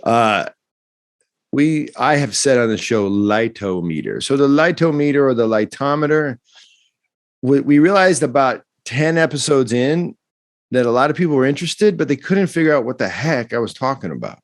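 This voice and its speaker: A man guesting on a podcast, talking in an animated, rambling way and often turning to address the host. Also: medium pitch, normal speed, no echo, studio quality. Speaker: guest, non-profit founder and educator. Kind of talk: casual podcast conversation.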